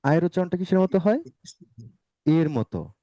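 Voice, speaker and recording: A male teacher leading an online spoken English class, saying words slowly and asking students to repeat them. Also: high voice, animated, mellow, no room sound.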